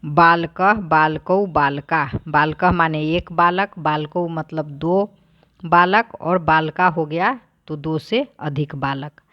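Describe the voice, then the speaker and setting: A woman teacher talks through a lesson, reading each word aloud before explaining it plainly. Her voice sits low and she speaks at an unhurried pace. The recording is dry and a little muffled. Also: no echo. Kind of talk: slow, deliberate lesson explanation.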